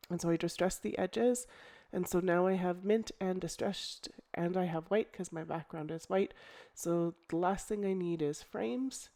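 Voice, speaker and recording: A little slow and lowish in pitch, a middle-aged woman with a cold-induced croak describes her scrapbooking project for a casual tutorial. Her manner is relaxed and chatty, and she thinks aloud with ums and restarts.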